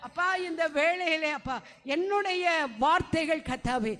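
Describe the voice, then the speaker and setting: Woman praying out loud for a church crowd, pleading, repeats lines a lot. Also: extremely high pitch, measured pace. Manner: often calls out to God between phrases. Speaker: prayer leader at a revival meeting. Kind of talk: leading a congregation in spoken prayer.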